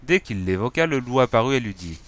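A man narrating a fairy tale in a calm, measured reading voice. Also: medium pitch.

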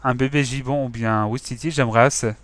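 A man's voice: mid-range voice, fairly even intonation, fast talker, fairly bright tone, lightly acted. A man reading a storybook aloud, voicing a clever young girl who plans in urgent whispers. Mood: earnest. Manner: urgent whispering to her brother.

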